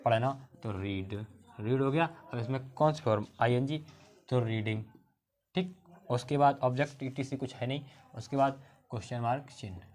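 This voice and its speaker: A male teacher works through grammar examples with his class, one step at a time. He keeps checking with his pupils whether they have understood, and he slows down to spell out words. His voice sits at an ordinary middle pitch. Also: a little mellow. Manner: explains step by step, asks the pupils questions again and again.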